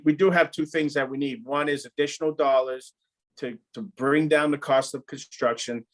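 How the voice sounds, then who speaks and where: A man, a local housing official speaking on a panel, plain-spoken and steady, with a mild exasperation. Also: medium pitch. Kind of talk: panel discussion remarks.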